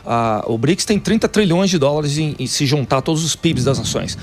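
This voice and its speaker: Heard over a slight hiss or hum, a man from São Paulo, Brazil, speaks at normal speed with a fairly high pitch and lively intonation. He is a Texas city council member being interviewed on a radio talk show, explaining and reciting facts with many fillers.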